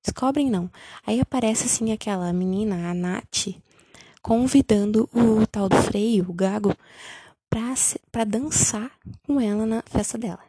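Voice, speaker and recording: A woman's voice: mid-range voice, a little slow, slightly rough, dry recording. A young woman, sarcastically recapping a bad film in a casual vlog. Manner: sarcastic, incredulous, animated retelling. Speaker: vlogger reviewing a film.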